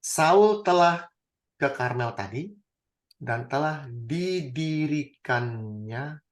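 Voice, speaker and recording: A man teaching a Bible study, animated, swinging between loud and hushed. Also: on the high side, drawn-out words. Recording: roomy echo.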